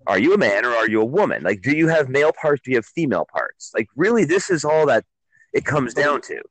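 A man from Ontario calling in to a radio talk show, blunt and quick to laugh. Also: medium pitch, very animated, no echo, poor audio. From Ontario, Canada. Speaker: caller. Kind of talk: casual call-in chat.

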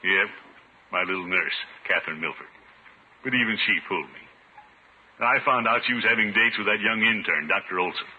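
An actor playing a pompous, sentimental middle-aged bachelor in a 1950s radio comedy, with a theatrical delivery. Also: male voice, fairly low pitch, fairly quick, pauses often, pushed and bright. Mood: rueful confiding. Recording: noisy, muffled old radio broadcast.

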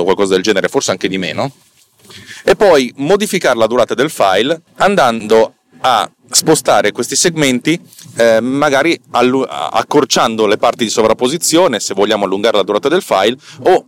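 In this casual tech monologue, a man with a medium-pitched voice sounds a bit tired as he explains things as a podcast host. He wanders off topic, stumbles over repeated words and self-corrections, and poses rhetorical questions to listeners.

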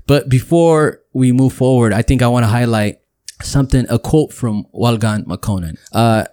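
A man giving political commentary as a podcast host, speaking haltingly with lots of ums and uhs and repeated words. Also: medium pitch, warm tone, no echo.

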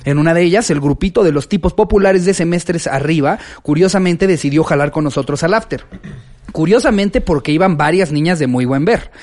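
A man's voice: fairly high pitch, brisk, darkish tone. A man with a Mexican accent, co-hosting a comedy podcast, reading listener anecdotes aloud and joking. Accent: Mexican Spanish. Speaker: podcast co-host. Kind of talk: casual comedy podcast chat.

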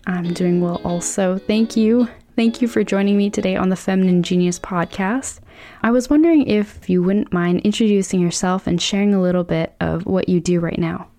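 A woman's voice: mid-range voice, moderate pace, mellow, faint music behind. A woman hosting a podcast, reading a scripted intro and then interviewing her guest in an encouraging way. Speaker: podcast host.

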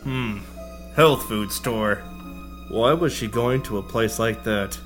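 A man playing a hard-boiled male space detective, narrating in a gruff noir style. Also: mid-range voice, slow pace, music in the background, natural voice. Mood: cocky. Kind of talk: radio-drama parody.

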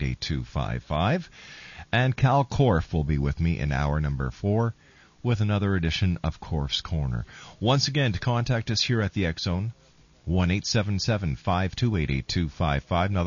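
Male talk radio host, low register, dry studio sound, dull lo-fi broadcast. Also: no echo. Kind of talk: live show introduction with contact details and guest rundown.

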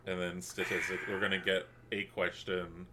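A man's voice: sits low, flat delivery, moderate pace. A man co-hosting a casual podcast over a remote link, with a dry, sarcastic sense of humor. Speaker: podcast co-host. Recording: remote call with faint background hiss.

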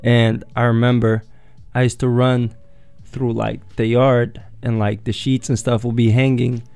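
Guy from yemen hosting a radio talk show, gravelly voice, dry studio mic sound. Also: medium pitch, a little slow, no echo, soft background music. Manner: relaxed, chatty storyteller. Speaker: radio host. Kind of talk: casual radio chat. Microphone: studio microphone.

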